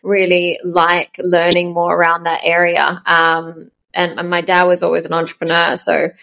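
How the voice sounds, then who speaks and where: A woman, a startup founder chatting in an interview, full of ums and soft laughs. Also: lowish voice, completely flat delivery, normal speed, creaky. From Australia. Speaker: startup founder, podcast guest. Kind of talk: casual interview chat.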